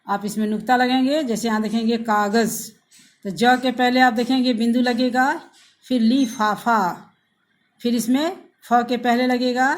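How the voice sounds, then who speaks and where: A woman teacher with a fairly high voice takes a recorded grammar lesson. She talks at a very unhurried pace, building each word up sound by sound, and speaks to her pupils as children. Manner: slow, spells words out letter by letter. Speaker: school teacher.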